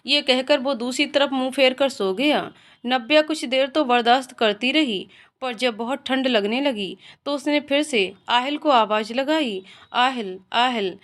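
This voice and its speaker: A woman reading a scripted story aloud as its narrator, in an even, expressive way. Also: sits high, a little slow.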